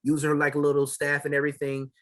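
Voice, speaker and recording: A man's voice: on the high side, fast talker. A man co-hosting a casual anime review podcast, rambling through plot recaps with slang and lots of fillers. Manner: rambling, loose slang, many fillers, animated retellings. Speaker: podcast co-host.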